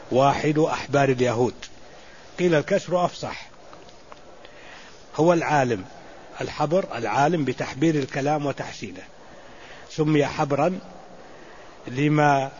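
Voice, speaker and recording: A man teaching as a sheikh, giving a classical religious lesson and explaining slowly with repeated words and restarts. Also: medium pitch, darkish tone. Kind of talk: classical Islamic lesson commentary. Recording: muffled lo-fi recording with faint hiss.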